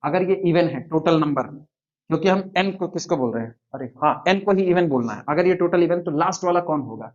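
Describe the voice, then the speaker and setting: A man teaching a math lecture at the board, quizzing his students and slowly counting through terms. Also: a little high, lively intonation, a little mellow, muffled recording.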